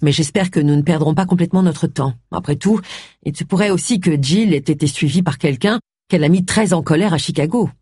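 Un lecteur de livre audio prête sa voix à une détective d'une cinquantaine d'années, nerveuse et prompte à s'emporter. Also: female voice, sits low, brisk, dark tone, slightly rough, no echo, studio quality. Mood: tendue. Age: 50s. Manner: tense, emotional outbursts. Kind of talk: audiobook character voice.

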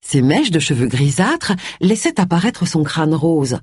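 A woman narrating a novel in a measured, expressive reading. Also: low voice, breathy edge, no room sound, studio quality. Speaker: audiobook narrator. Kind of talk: scripted narration.

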